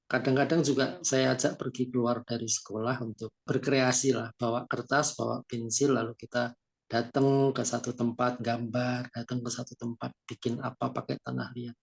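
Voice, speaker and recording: Middle-aged male teacher, gravelly voice, calm and measured, telling a story. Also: mid-range voice. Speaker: art teacher. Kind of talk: sharing a story in a seminar.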